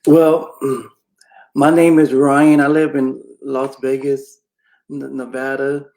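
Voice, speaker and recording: A man introducing himself as a guest on a talk show, slow and hesitant. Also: medium pitch, level tone, darkish tone, rough recording. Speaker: guest, co-author.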